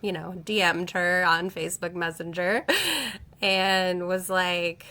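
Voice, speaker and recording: A woman's voice: on the low side, little pitch movement, slow, bright, forceful tone. A woman, a film producer, talking enthusiastically in a casual conversation. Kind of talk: casual chat.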